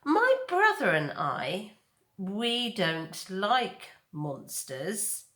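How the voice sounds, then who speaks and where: A woman's voice: medium pitch, very animated, extremely slow, a bit bright, heavily acted. A woman voicing a taunting, snarling young female bear with a menacing streak in a storybook reading.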